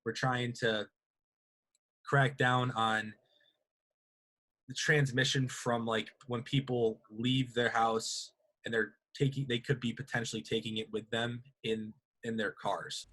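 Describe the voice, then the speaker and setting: A man's voice: mid-range voice, level tone, slow, a bit bright. Young male student entrepreneur, mid-range voice, casual interview answers. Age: young adult. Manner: casual, unscripted.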